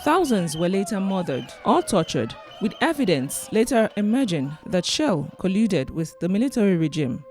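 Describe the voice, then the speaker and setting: A woman narrating a documentary in a solemn, clear and expressive scripted style. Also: medium pitch, moderate pace, hardly any pauses, faint music behind.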